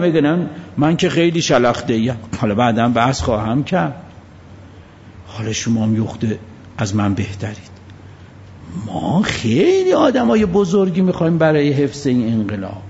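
A man's voice: medium pitch, highs cut off. Man, preacher, religious sermon, shifting tones and pace, reverberant hall, faint background noise. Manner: lively storytelling with shifts of tone and pace.

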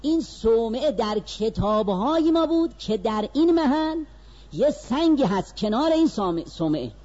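In a religious lecture, a man tells a story with animated delivery, shifting between slow, stressed phrases and quick asides. His voice is very high-pitched, and the recording's highs are cut off.

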